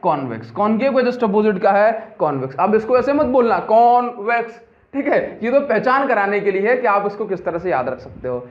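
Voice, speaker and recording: A man's voice: high voice, big pitch swings, a little fast, hardly any pauses. A man teaching a physics lesson, who keeps repeating key terms and asking his students whether they have understood. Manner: mixes in English terms, asks and answers his own questions. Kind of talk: classroom lecture. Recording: dull lo-fi audio.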